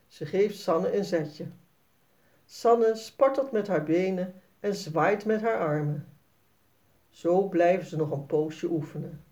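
A woman narrating a children's story read aloud in a clear storytelling manner. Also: fairly low pitch, takes it slowly, dark tone.

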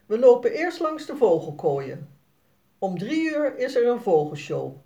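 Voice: medium pitch, big pitch swings, unhurried, dark tone, pitched above the performer's own voice. A narrator doing a cheerful, patient dad. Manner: cheerful and encouraging. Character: friendly, patient father. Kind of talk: storybook read-aloud.

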